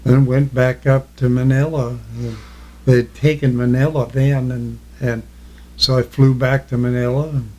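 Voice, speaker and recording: An elderly man, a war veteran, remembering his service in an interview, halting as he recalls and answering in short, plain phrases. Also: medium pitch, level tone, warm tone, poor audio. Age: elderly, 80s or older. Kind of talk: reminiscing in an oral history interview.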